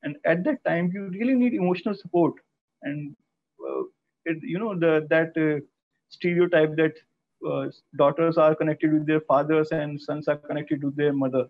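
Young male, North Indian accent, fairly high voice, halting interviewee recounting personal experience, thin telephone-grade audio. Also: steady tone, no echo. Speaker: interview guest, cancer survivor. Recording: thin, phone-like call audio.

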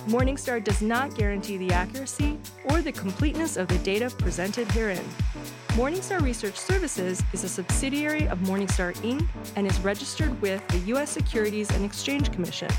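A woman formally reading a scripted legal disclaimer, going straight through the fine print like an announcer. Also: medium pitch. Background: music.

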